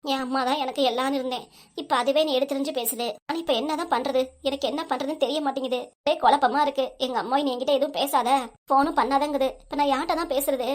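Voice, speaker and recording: A lonely middle-aged cartoon wife, as a woman voices her with a Tirunelveli Tamil accent. She laments and snaps in a high, quick voice, plaintive one moment and sharp-tongued the next. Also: steady tone, lightly acted. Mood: lamenting. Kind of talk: cartoon comedy voice acting.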